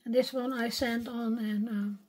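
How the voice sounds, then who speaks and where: A woman talking quietly through her card making at a craft desk, thinking aloud and often half-whispering. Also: fairly high pitch, steady tone, moderate pace, a little hiss or hum. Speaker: craft video maker.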